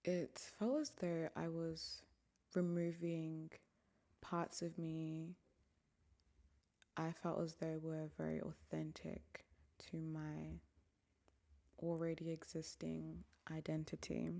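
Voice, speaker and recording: Alone at the mic, a young woman from Africa reflects candidly on her podcast, her low, mellow voice creaky and barely moving in pitch. She speaks slowly, pauses often, and frequently drops almost to a whisper in this casual solo talk.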